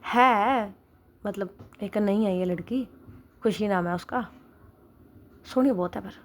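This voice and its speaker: A woman's voice: medium pitch, takes it slowly. A woman voicing a playful young woman who teases her partner lightly. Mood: teasing. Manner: light, teasing.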